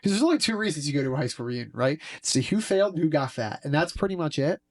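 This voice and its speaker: A man's voice: a little high, animated, rapid-fire. A man in his twenties with a Philadelphia accent, chatting casually on a podcast in a profane, slangy storytelling way. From Philadelphia area, US. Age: 20s.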